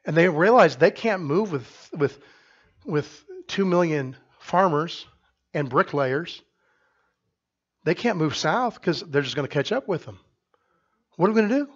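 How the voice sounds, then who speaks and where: Middle-aged guy preaching, high voice, acts out the story loud then quiet, kinda dull recording. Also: unhurried, pauses often. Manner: animated storytelling, acting out voices and rising to shouts. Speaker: pastor. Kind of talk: sermon. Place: church sanctuary.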